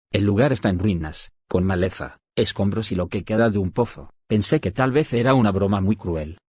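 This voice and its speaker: A man tells a first-person horror story as scripted narration, in a low, husky voice. He keeps a steady storytelling pace and slows down on key moments. The sound is dry and close, with no room around it. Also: no echo.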